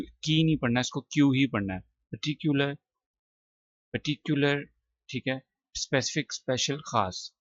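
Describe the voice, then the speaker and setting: A man's voice: mid-range voice, dry recording, muffled recording. A man teaching an English textbook lesson, patiently explaining word meanings and translating line by line. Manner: patient, explains slowly with many "theek hai" checks.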